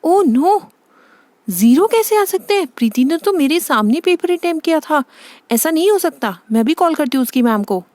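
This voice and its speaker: A woman's voice: on the high side, lively intonation, fast talker, hardly any pauses, a little mellow, no room sound, lightly acted. A woman voicing a fussy, worried mother doll who frets and scolds in a storybook tale. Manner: fretful, scolding. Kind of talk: Hindi doll story voice-acting.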